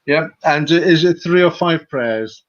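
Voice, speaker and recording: A man on a podcast panel speaking hesitantly, pausing with "um" as he searches for words. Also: a little high, muffled recording. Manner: hesitant, full of "um" fillers while searching for words. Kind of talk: casual panel discussion.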